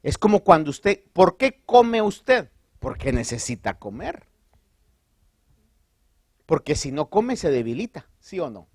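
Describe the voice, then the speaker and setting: High-voiced, animated man preaching. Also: unhurried, pauses often, dry recording, studio quality. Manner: conversational and animated, with rhetorical questions; drops in English phrases. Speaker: pastor. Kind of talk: sermon.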